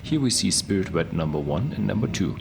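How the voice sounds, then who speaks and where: Deep, creaky-voiced man narrating a tour. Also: big pitch swings, brisk. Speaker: tour presenter. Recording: noisy location sound, background hum.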